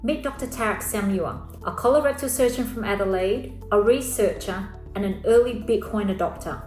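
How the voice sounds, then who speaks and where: A woman host reading a scripted introduction to a session in a smooth, measured delivery. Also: medium pitch, a little mellow. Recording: roomy voice-over with music behind.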